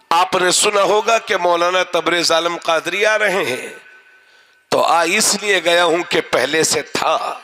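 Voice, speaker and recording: A man giving an impassioned sermon to a gathering, rising to shouts and calling on the crowd to respond. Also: sits high. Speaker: preacher.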